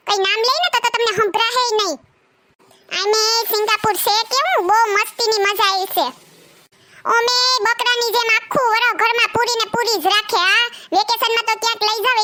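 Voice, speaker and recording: A woman's voice: very high voice, bright, forceful tone. A woman playing a nagging young wife who scolds and complains sarcastically, speaking.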